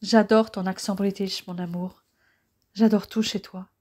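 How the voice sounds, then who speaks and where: A woman's voice: mid-range voice, little pitch movement, normal speed, mellow, natural voice. A woman reading the lines of a tender, romantic young man in an audiobook.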